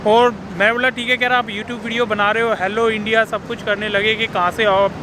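An Indian man in his thirties talks chattily to a camera held at arm's length, his voice sitting fairly high. Clear traffic and street noise run behind him out in the city. He mixes English phrases into an easy travel-vlog ramble. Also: little pitch movement, fairly quick. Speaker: travel vlogger. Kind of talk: casual vlog narration to camera. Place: busy city street and subway station outdoors. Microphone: handheld camera at arm's length.

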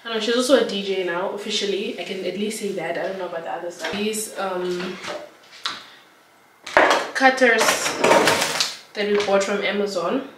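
A woman's voice: medium pitch, normal speed, long pauses, very noisy. A young woman chatting casually in a home cooking vlog, rambling along with lots of filler words. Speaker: vlogger. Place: home kitchen. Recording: echoey kitchen, distant camera mic, kitchen clatter.

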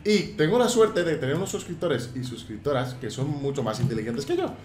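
Lively man doing gaming commentary. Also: on the high side, a little fast. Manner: animated, bursts into shouted exclamations and laughs. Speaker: gaming YouTuber. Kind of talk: casual let's-play commentary. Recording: roomy sound with faint game music.

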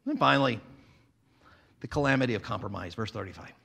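A man preaching an animated sermon as pastor, swinging from loud to quiet and acting out crowd voices. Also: medium pitch, fast, gravelly, slightly rough.

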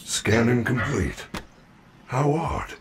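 A man voicing a gentle, caring male robot bear in a video game, polite and formal, speaking without contractions. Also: medium pitch, sing-song, slow, background noise.

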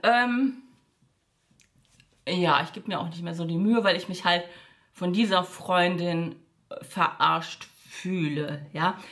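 A woman's voice: slow, long pauses, fairly bright tone. A woman telling a personal story to her viewers in a casual monologue, acting out the quoted dialogue and addressing the audience with frequent fillers. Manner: acts out quoted dialogue with shifts in pitch. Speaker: vlogger.

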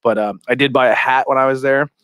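An American podcast host from Pennsylvania talks quickly in a medium-pitched, fairly even voice that's a bit bright and smooth. He chats casually, telling rambling anecdotes full of profanity. The recording is dry, made in a small curtained podcast room with a podcast mic and headphones.

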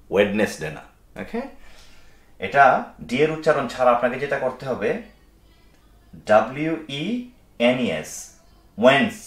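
Man teaching pronunciation in an echoey room. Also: medium pitch. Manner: explains step by step, spells out letters, mixes in English phrases. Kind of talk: spoken lesson. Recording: roomy echo.

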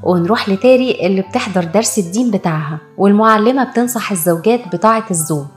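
A woman's voice: medium pitch, racing, faint music behind. A woman with an Egyptian accent retelling a film story in a chatty, casual way with wry asides. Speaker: film recap narrator.

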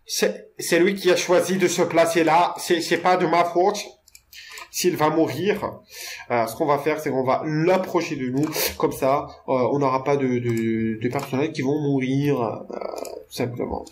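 Slow-talking joking gamer guy. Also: a little high, steady tone, slight background noise. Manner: joking and rambling, talks to viewers, stammers repeated words. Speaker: gamer narrating his own play. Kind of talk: casual let's-play commentary.

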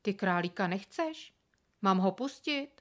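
A woman's voice: medium pitch, animated, natural voice. Brief: cheeky little boy bossing his sister around, read by a woman. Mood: bossy teasing. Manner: teasing, commanding. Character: mischievous bossy little boy.

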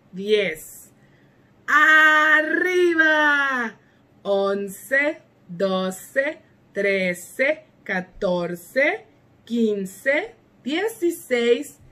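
A woman leads a bilingual class for little children, drawing out each word slowly and clearly. Her voice sits a little high, with a sing-song lilt and lively exclamations. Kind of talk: bilingual lesson for young children.

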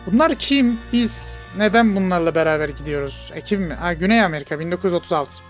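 A man giving casual let's play commentary, jokey and excitable, bantering with game characters. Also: high voice, quick pace, faint music behind. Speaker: gamer.

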